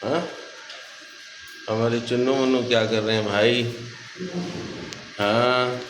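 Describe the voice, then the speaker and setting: Man, slow unhurried speech, echoey room, faint hum behind, coaxing his parrots. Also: medium pitch. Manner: coaxing, affectionate talk to parrots. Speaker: vlogger. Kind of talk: casual vlog talking to pet birds.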